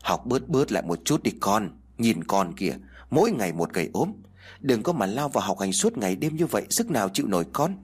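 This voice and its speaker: A worried middle-aged mother, put on by a male narrator, fusses over her son in quick, raised tones. The voice stays slightly husky, in a spoken ghost story. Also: lowish voice, big pitch swings, a little mellow. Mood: fretting. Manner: fussing, quick.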